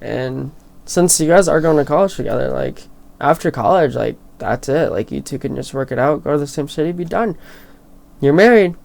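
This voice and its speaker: A man's voice: a little high, animated, normal speed, vocal fry, a little mellow. A young man who studies theater, co-hosting a casual podcast from a college dorm room, teasing his friend and laughing easily. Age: young adult. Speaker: podcast co-host, theater student. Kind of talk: casual chat.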